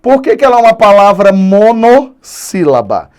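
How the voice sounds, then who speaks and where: Online, a high-voiced Brazilian man gives a Portuguese grammar lesson with plenty of energy, slowly drawing out the words he wants to emphasize.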